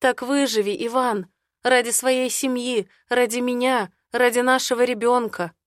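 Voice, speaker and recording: A woman reading an audiobook, voicing an emotional young woman who pleads loudly through tears. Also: steady tone, normal speed, dry recording, studio quality, lightly acted. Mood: pleading. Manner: pleading, high-pitched, loud. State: tearful.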